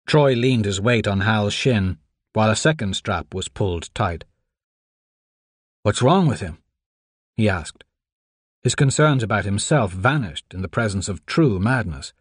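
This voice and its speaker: Low-voiced man narrating an audiobook. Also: no echo, studio quality. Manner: measured, even storytelling.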